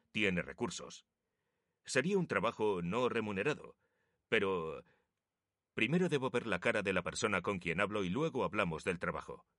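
A man's voice: lowish voice, a bit bright, no room sound, clean studio sound. A man voicing a businesslike male recruiter who speaks formally and persuasively.

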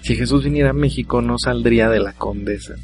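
Over music, a medium-pitched man speaks fairly quickly while hosting his own comedy podcast, his accent Mexican. Jokes come one after another in a loose, slangy manner, and he laughs at his own material.

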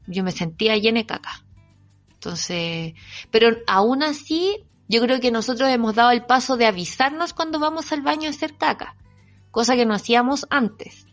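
A woman's voice: on the high side, moderate pace, fairly bright tone, faint music behind. A young Chilean woman co-hosting a casual chat, frank and jokey, swearing freely. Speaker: podcast co-host.

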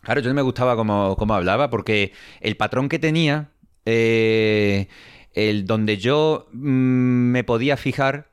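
A man's voice: medium pitch, measured pace, clear, resonant tone, no room sound, clean studio sound. A man in his twenties with an Extremaduran accent, a TV journalist in an interview, talking in a reflective, hesitant way with many fillers.

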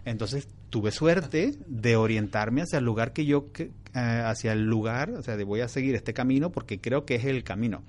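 A man from Venezuela, a guest in an interview, telling his story in a calm, frank and reflective way. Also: mid-range voice, moderate pace, few pauses. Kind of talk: relaxed storytelling in conversation.

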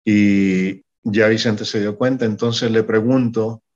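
Speaking slowly with a fairly low pitch, a man from Mexico who promotes music tells interview stories about his career. He's animated, acting out the exchanges in full, and the audio is dull.

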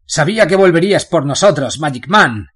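A man voicing a cocky, flattering male prisoner with an eager, husky voice. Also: a little high, fairly quick, voice pushed up.

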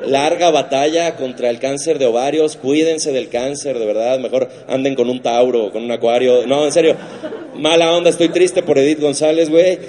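A man's voice: mid-range voice, steady tone, moderate pace, a little mellow. A man with a Mexican Spanish accent hosting a comedy show, riffing crudely on the week's news and swearing constantly. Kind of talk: stand-up news monologue.

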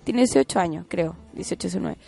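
A woman's voice: on the low side, animated, fast talker, creaky, warm tone. A young woman with a Chilean accent, hosting a podcast and telling a family story in casual chat, laughing often and acting out the quotes. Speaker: podcast host.

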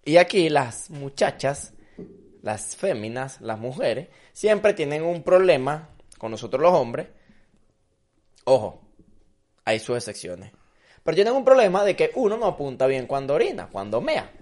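A man's voice: on the high side, measured pace. A young man with a Venezuelan accent, co-hosting a casual podcast chat, joking and crude. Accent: Venezuelan Spanish. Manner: joking, crude, animated storytelling. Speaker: podcast co-host. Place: living in Madrid.

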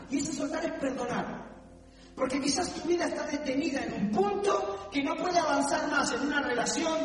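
A man's voice: very high-pitched, slight background noise. A man preaching a sermon as pastor, mixing teaching with jokes and acting out quoted voices. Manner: animated, acts out quoted voices. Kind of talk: sermon with humor. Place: church hall. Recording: echoey hall from far off.

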